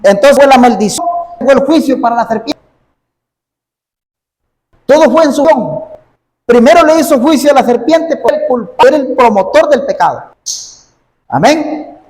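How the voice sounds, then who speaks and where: A man's voice: extremely high pitch, animated, moderate pace, pauses often, darkish tone. A man preaching a sermon as pastor, repeating his phrases and stopping often to say amen and ask if you see. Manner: repeats phrases, punctuates with "amén" and "¿ves?". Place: church sanctuary. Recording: long reverb of a large hall.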